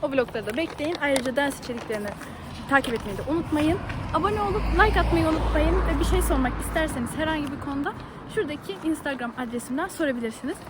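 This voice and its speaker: A woman's voice: high-pitched, fast talker. A young woman vlogger from Turkey, chatting casually in a teasing, talkative way. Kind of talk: casual vlog chat. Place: out and about in town, outdoors and public places. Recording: busy street noise with music behind.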